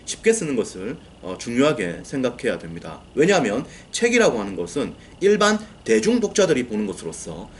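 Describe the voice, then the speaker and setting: A man's voice: mid-range voice, huge pitch swings, a little fast, few pauses, slight background noise. A man giving a lecture on book writing as a coach, explaining point by point, repeating key phrases and asking and answering his own questions.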